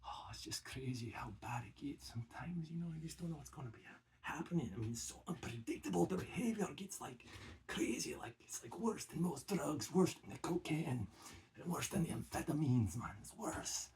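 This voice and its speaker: A man's voice: on the high side, expressive, a little fast, darkish tone, a little hiss or hum. A man with a put-on Scottish accent gives a mock-serious comic warning, filling it with "you know" and dropping into whispers. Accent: put-on Scottish, attempted. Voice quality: very breathy. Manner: grave warning tone, heavy "you know" fillers, drops into whispers. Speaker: comedy sketch performer.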